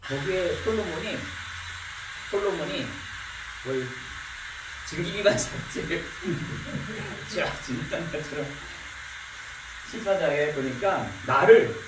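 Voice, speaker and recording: A man preaching a sermon as pastor, acting out pleading questions with lively delivery. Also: on the high side, takes it slowly, long pauses, background noise. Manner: animated preaching, acts out questions to God. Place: church sanctuary. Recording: echoey church hall, mic at a distance.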